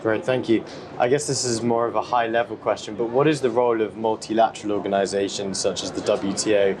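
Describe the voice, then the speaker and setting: A man's voice: lowish voice, steady tone. Male interviewer with background noise. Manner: brisk, scripted questions. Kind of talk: interview questions. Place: trade symposium in New York.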